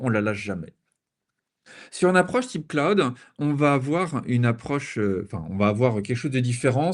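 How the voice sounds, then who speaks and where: A man from France giving a technical conference talk with playful analogies, sometimes stumbling over repeated words. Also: medium pitch. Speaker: conference speaker.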